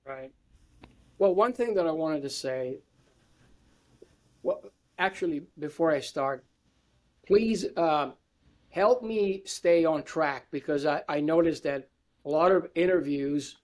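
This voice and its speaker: An Italian man in his fifties with an Italian accent, a university lecturer, answers conversationally as an academic guest on a video call from an indoor room with bookshelves. His fairly high, darkish voice is slow and pauses often.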